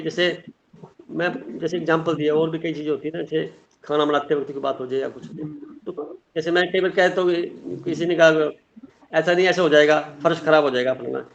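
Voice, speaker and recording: A middle-aged man teaching a spiritual class, explaining earnestly with everyday examples and sayings. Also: a little high. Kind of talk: online class talk. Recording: dull lo-fi sound.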